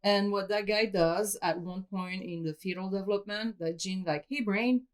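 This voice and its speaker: A woman's voice: mid-range voice, moderate pace. A woman from Switzerland, a guest in an interview, explaining her story in an open, matter-of-fact way. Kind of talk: candid personal interview.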